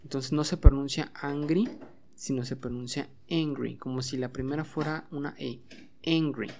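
A man's voice: mid-range voice, little pitch movement, brisk, a little mellow, a little hiss or hum. A man hosting a bilingual podcast lesson at home, patiently drilling words and having listeners repeat them. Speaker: English teacher and podcast host.

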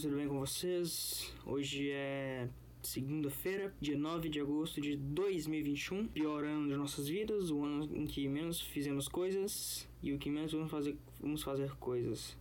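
A man hosting a casual solo podcast from his bedroom, talking in a loose, rambling and profane way. His mic gain is set too high, so his voice comes through clipped and distorted. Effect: clipped, distorted audio from mic gain set too high. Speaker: podcast host. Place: bedroom in an apartment building. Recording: overdriven, clipping home mic.

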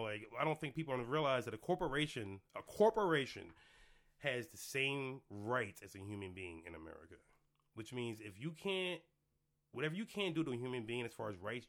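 Forties male co-host, opinionated and lively, bright tone. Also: mid-range voice, fairly quick. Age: 40s. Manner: opinionated, lively, loud laughs. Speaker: podcast co-host. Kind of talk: casual chat.

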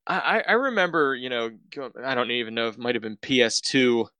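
A man's voice: medium pitch, a little fast, bright, forceful tone. A man co-hosting a podcast, chatting in an easygoing way with stammering restarts. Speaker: podcast co-host. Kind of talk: casual chat.

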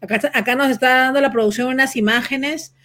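A woman's voice: high-pitched, fairly even intonation, quick pace, fairly bright tone. A woman hosting an interview, asking friendly questions and agreeing with brief replies. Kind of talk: casual interview chat.

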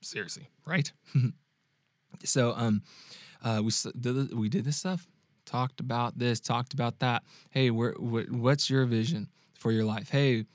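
Lively man telling a personal story. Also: medium pitch, unhurried, dry recording, studio quality. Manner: animated, laughs often, frequent restarts and check-ins with the listener. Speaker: podcast host and dating coach.

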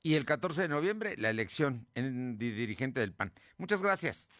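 Bright-voiced radio news anchor. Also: male voice, mid-range voice, very animated, normal speed, dry recording, studio quality. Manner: conversational, hands off to reporters.

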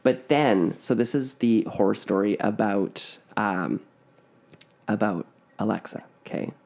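A man's voice: fairly low pitch, a little slow, gravelly, darkish tone. A man co-hosting a podcast, telling a spooky family story in a casual, rambling way full of fillers and restarts. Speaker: podcast co-host.

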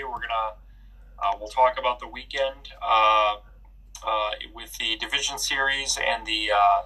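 A man's voice: medium pitch, bright, forceful tone, far from the mic, poor audio. A man hosting a casual baseball podcast, chatty and loose, with many filler words. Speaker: podcast host. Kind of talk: casual sports podcast chat.

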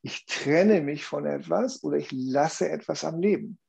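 A man's voice: fairly high pitch, a little slow, vocal fry, a little mellow, breathy edge. A man explaining a view earnestly in conversation, often checking in with tag questions.

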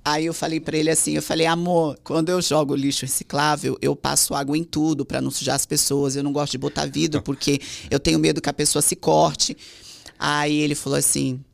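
A Brazilian woman tells a personal story on an interview podcast. Her voice has a gravelly, fried texture. She slips into acted voices when she quotes other people. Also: deep voice, level tone, a little fast. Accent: Brazilian Portuguese. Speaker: guest.

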